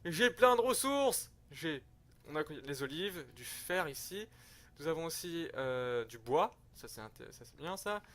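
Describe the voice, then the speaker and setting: A man's voice: fairly high pitch, expressive, a little slow, a bit bright. A young man giving rambling, slangy, self-mocking commentary over a strategy game he is playing. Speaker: gaming youtuber. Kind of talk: casual gameplay commentary.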